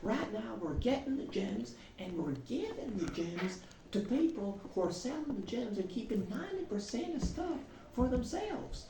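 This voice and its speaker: A woman's voice: a little high, sing-song, normal speed. A woman at a tabletop game, talking in character with a folksy put-on drawl, full of fillers and restarts, heard from a distance in an echoey, noisy room.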